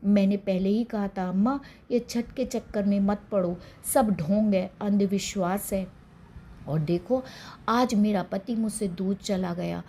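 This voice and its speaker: A woman's voice: mid-range voice, measured pace, mellow. A woman voicing a proud young wife who brushes off worship with dismissive, boastful talk. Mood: bitter.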